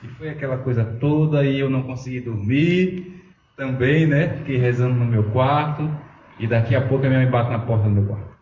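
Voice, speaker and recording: A man's voice: medium pitch, brisk. A man, a religious brother leading a Bible study, telling stories and acting out the dialogue. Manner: animated, acts out dialogue in his stories. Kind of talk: Bible study talk with storytelling. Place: chapel. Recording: echoey chapel, distant mic, dull sound, faint noise.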